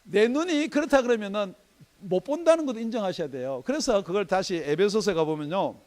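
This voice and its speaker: A man preaching a sermon as pastor in a church, emphatic, asking rhetorical questions and swinging between loud and soft. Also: sits high, expressive, a little fast. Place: church sanctuary.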